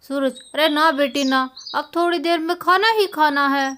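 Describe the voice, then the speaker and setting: A woman voicing an elderly, kind village uncle who speaks slowly and gently, giving blessings. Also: high voice, slight background noise. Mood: kindly. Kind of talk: storybook voice acting.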